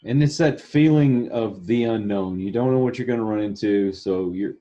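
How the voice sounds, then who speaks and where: Informal man with a lowish voice. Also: normal speed, dark tone, lo-fi sound. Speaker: interviewer. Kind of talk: casual chat.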